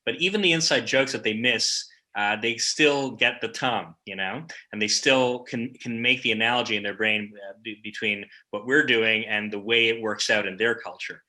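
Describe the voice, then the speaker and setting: Low, bright-toned man rambling with fillers. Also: normal speed. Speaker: comedy series co-creator, guest. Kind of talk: casual panel chat.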